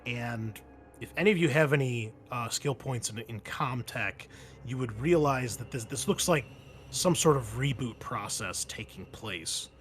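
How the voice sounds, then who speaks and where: A man serves as game master, narrating a tabletop roleplaying game in a halting, conversational way. His mid-range voice is animated, with a little hiss or hum in the recording.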